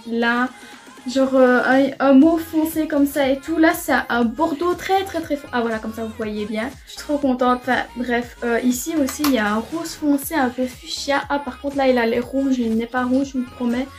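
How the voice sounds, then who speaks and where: High-voiced chatty young woman vlogger. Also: normal speed. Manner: chatty, enthusiastic, repeats "franchement" often. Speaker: beauty vlogger. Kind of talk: casual makeup try-on vlog. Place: home room near a window.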